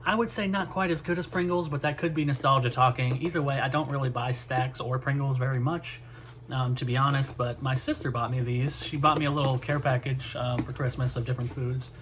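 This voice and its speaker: A man's voice: mid-range voice, steady tone, fairly quick, a bit bright. Man, casual review chat, noisy background. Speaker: snack reviewer.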